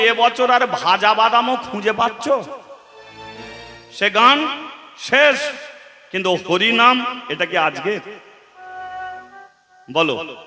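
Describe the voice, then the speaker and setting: High-voiced slow Bengali preacher. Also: male voice, pushed and bright. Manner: slow, emphatic preaching that breaks into call-and-response chant. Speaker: kirtan singer and preacher. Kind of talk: devotional sermon with chanting. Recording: echoey hall with music behind.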